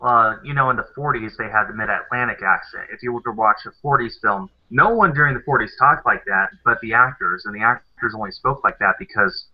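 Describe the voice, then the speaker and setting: Co-hosting a live stream, this man from the American South talks casually and explains at length, leaning on lots of fillers. His lowish voice moves briskly with hardly any pauses, over dull lo-fi audio.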